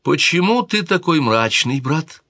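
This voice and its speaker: A man's voice: a little high, sing-song, measured pace, pushed and bright, dry recording, pitched above the performer's own voice, full character voice. A man voicing a worried young princess who pleads with her brother in an audiobook reading. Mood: reproachful. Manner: pleading, persuasive.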